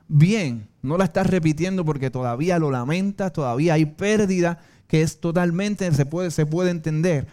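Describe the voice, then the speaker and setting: A man's voice: a little high, darkish tone. A male pastor with a Puerto Rican accent preaching a sermon in an earnest way, weaving in personal stories. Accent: Puerto Rican Spanish.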